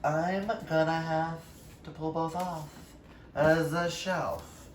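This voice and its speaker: This vlog clip has a man enthusing about books to viewers, casual yet emphatic. His voice is a little high and steady, he takes it slowly, and he's recorded from a distance in an echoey room with some faint background noise.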